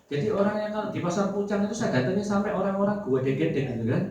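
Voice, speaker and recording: Man, sales trainer, motivational seminar, animated, quizzes audience, fairly high voice, distant mic, very echoey hall. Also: quick pace, crowd noise. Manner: animated, quizzes the audience, acts out quoted talk.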